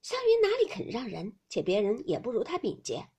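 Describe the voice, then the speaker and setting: A woman reading a classical novel aloud as audiobook narrator, reciting the verse lines slowly and measuredly. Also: medium pitch, wildly swooping pitch, mellow, husky.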